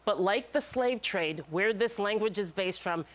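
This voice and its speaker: Female debate guest, mid-pitched, firm and emphatic political commentary. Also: a little slow. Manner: firm, emphatic, builds points in lists. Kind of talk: live TV panel debate.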